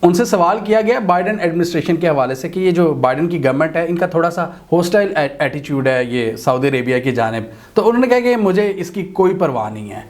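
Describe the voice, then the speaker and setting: Guy talking through the news in his own words, kinda high voice, opinionated, keeps restarting lines. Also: animated, brisk, hardly any pauses. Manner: conversational, opinionated, restarts often. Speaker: commentator. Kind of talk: unscripted news commentary.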